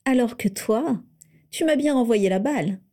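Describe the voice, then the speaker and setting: A woman reading the lines of a smug, playful teenage boy wizard in a storybook reading, in a raised, mellow voice. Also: on the high side, expressive, normal speed, pitched above the performer's own voice. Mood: smug teasing. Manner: playful, self-satisfied.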